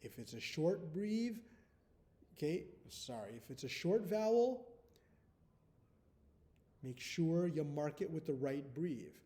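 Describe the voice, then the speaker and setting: A man teaching first graders, dictating a spelling test slowly and deliberately, repeating each word and sound and spelling letters out. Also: on the high side, animated, mellow.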